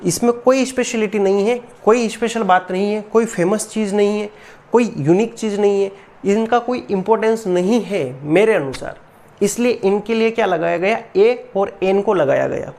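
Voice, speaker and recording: A woman's voice: medium pitch, normal speed, darkish tone. A woman teacher giving a classroom grammar lesson. She patiently repeats each rule, keeps asking rhetorical questions, and calls her students "beta".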